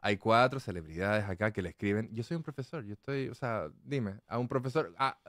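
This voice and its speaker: Man, professor, animated storyteller, bright clear tone, dry close sound. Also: on the low side, brisk, dry recording. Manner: animated storyteller, acts out quotes. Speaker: professor and digital marketer. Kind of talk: casual podcast chat.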